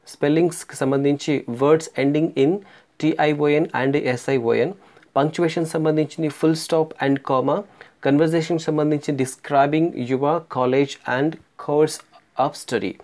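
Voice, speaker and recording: A man, teaching a lesson as he walks through an English syllabus, slowing down on English titles and filling pauses with "aa". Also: medium pitch, a little mellow. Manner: slow and deliberate on English titles, with frequent "aa" fillers.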